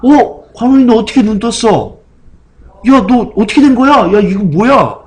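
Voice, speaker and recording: A crowd of astonished villagers bursts out in high, excited questions, as a preacher acts them out. They are disbelieving and animated. Their voices jump far above ordinary speech. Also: male voice, moderate pace.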